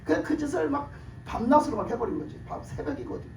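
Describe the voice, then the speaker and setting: A man delivers a sermon in a raspy, worn voice that sits extremely high. He presses his points with rhetorical questions and chuckles along the way. He is picked up from a distance in an echoey room with faint ambience behind him. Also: big pitch swings, quick pace, slight background noise. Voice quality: hoarse, broken voice from years of shouted prayer. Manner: emphatic, rhetorical questions, laughs while preaching. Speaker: pastor.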